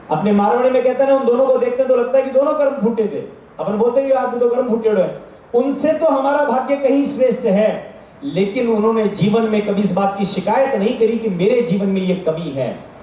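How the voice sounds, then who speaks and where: A man with a Rajasthani accent delivers an earnest, exhorting religious discourse in a high, mellow voice. He is picked up from a distance, and the sound rings with heavy echo. A faint hum sits underneath. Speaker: spiritual speaker. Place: large gathering space. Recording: echoey from far off.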